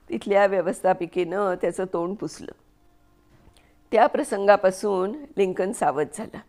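A woman storyteller reading a story aloud in a measured, expressive way. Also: medium pitch.

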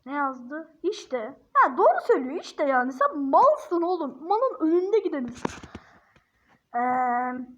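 High-voiced woman drawling exasperated commentary. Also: very animated, a bit bright, slight background noise. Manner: teasing, exasperated outbursts and frequent laughter; drawls words slowly while dictating what to type. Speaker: YouTuber. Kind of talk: casual screen-recording commentary. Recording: dull lo-fi recording.

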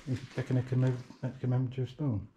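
A man with a Yorkshire accent chatting excitedly while exploring a derelict factory, recorded on a body-worn camera. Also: medium pitch, rapid-fire, dull audio, noisy background. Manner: excited, swears casually. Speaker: urban explorer. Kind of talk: casual chat while exploring. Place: indoors, derelict factory buildings.

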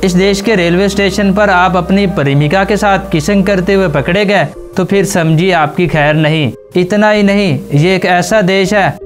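A man narrating a scripted facts video, addressing viewers as friends in a brisk voice-over. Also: high voice. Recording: faint music under voice-over. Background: background music.

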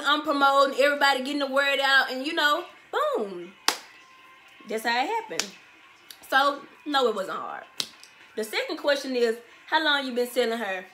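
Sitting on her bed indoors, a twenty-year-old woman from Memphis, Tennessee films a casual Q&A vlog straight to camera. A vlogger and small business owner with a high voice and Southern accent, she's animated and slangy, repeating herself for emphasis.

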